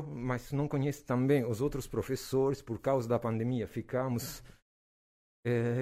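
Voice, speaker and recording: A man's voice: mid-range voice, a little mellow. Italian-accented man, hesitant professor. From Naples, southern Italy. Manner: hesitant, many "ah" fillers, laughs easily. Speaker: physics professor, guest. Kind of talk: relaxed interview conversation.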